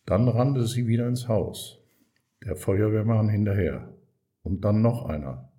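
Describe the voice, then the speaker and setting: A man reading a children's story aloud as narrator, calm and measured. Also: fairly low pitch.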